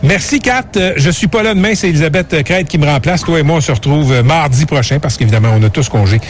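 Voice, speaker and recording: Higher-voiced Quebec French radio man. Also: lively intonation, fast talker, a little hiss or hum. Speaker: radio host. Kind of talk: casual live radio talk.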